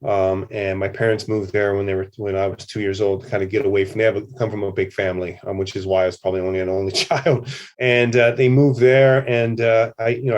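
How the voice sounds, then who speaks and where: A middle-aged man from Hawaii talks loosely in an interview, circling back on himself with fillers and restarts. His voice sits on the low side. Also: darkish tone. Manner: rambling, many fillers and restarts. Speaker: festival producer, podcast guest. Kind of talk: casual conversational interview.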